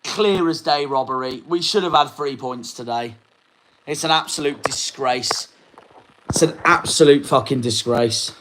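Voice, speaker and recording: Ranting angrily after a match, this young Plymouth-area man swears his way through a fan reaction vlog. He speaks a little slowly in a mid-range voice, with a noisy background behind him.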